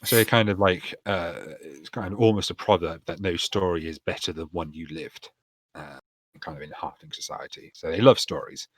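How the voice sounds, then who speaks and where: Male dungeon master, low voice, rambling explainer, dry close sound. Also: normal speed, breathy edge, no room sound. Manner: rambling, full of fillers. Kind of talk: explaining a tabletop campaign world.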